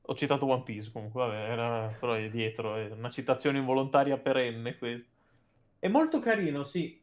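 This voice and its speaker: A man's voice: mid-range voice, level tone, fairly quick. A male Italian streamer chatting casually with friends, playful and talkative. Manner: chatty, playful, mock-pleading. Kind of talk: casual group chat on a live stream.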